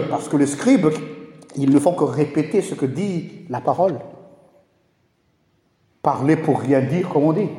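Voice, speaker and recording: A man with a high, mellow voice preaches a sermon in a teaching, rhetorical manner. His words ring out through a large hall with a long, echoing tail. He speaks straight to the congregation. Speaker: pastor. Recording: echoey hall with long reverb.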